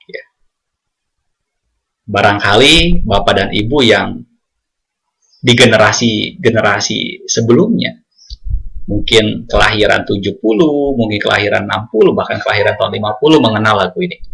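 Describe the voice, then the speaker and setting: Speaking with an Indonesian accent, a man gives a Buddhist sermon, frequently turning to address the congregation and slowly singing lines of hymns. His low-leaning voice has vocal fry and a pushed, bright quality, and the audio is poor.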